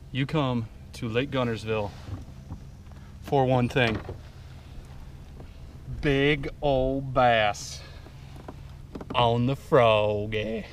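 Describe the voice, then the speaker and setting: Guy on a kayak freaking out over a big bass, slow drawn-out talk, voice jumps all over, wind and water noise. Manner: exclaiming in disbelief, whooping. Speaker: kayak angler filming himself. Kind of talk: excited fishing vlog commentary. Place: on a kayak on a lake, outdoors.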